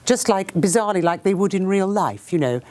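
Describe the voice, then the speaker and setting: A woman author who reads her book aloud to a live audience, then talks to them about it as a lively storyteller who acts out sounds and voices. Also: mid-range voice, a little fast. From Britain. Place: talk before a live audience.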